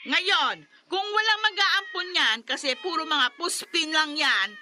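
A woman in a full character voice plays a scolding middle-aged mother in a Filipino radio drama, very high-pitched, bright and forceful, unhurried, with a little hiss or hum. Angrily scolding, she nags emphatically and repeats herself, resenting her children's cats.

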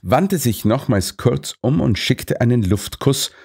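A man narrating an audiobook in an expressive storytelling manner. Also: mid-range voice, unhurried, vocal fry, breathy edge.

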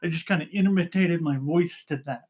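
A man co-hosting a casual podcast, a rambling storyteller who keeps yelling excitedly into the mic and checking in with "okay?". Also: on the high side, brisk, breathy edge, dull audio. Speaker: podcast co-host.

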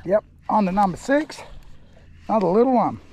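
A middle-aged Australian man giving excited, laid-back commentary while fishing from a small boat, recorded on a chest-mounted action camera. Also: high voice, moderate pace. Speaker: fishing vlogger. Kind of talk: casual running commentary. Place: small boat on a river outdoors.

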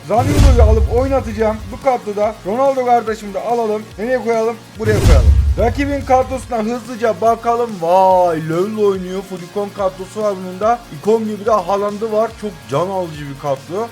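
High-voiced young man calling game plays. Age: 20s. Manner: jokey, talks to his players and viewers. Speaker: mobile football game YouTuber. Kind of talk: excited gameplay commentary.

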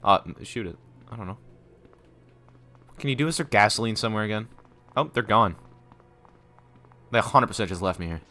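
A man's voice: on the low side, animated, fairly quick, long pauses, bright, forceful tone, soft background music. A man giving mocking, exasperated, sweary commentary over a video game. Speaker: gaming commentator.

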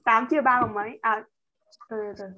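A woman's voice: fairly high pitch, steady tone, moderate pace, bright, forceful tone. Playful woman, lo-fi audio. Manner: playful, poses riddles. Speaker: study group member. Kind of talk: casual teasing chat. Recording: dull lo-fi call audio.

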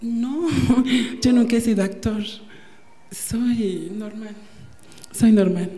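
A Mexican man in his twenties, from Mexico City, giving a comic audition, soft and giggly, holding a handheld mic in an indoor casting room. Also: high voice, slow pace. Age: 20s. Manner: soft, sweet and giggly, gushing about tenderness. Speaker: audition candidate.

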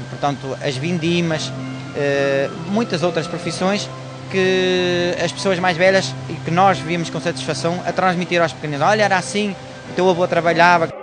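A middle-aged man with a northern Portuguese accent answering interview questions, hesitant, with many fillers and restarts. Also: sits high. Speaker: company director.

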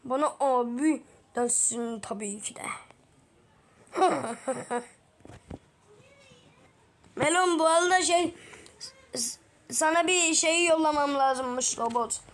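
Very high-voiced excitable woman. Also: slow, pauses often. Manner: excitable, exclaiming and teasing. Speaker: gaming video creator. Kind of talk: voicing several characters in a game video.

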